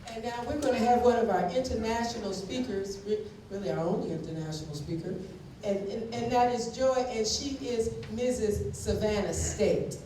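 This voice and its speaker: A woman's voice: a little high, normal speed, background noise. A woman emceeing an event, introducing speakers informally with stumbling restarts. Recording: echoey hall, distant mic.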